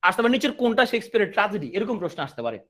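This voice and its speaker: A man's voice: high-pitched, very fast. A man with a Bangladeshi accent giving a coaching class lecture, joking with his students between points. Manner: lively, joking asides to students. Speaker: teacher.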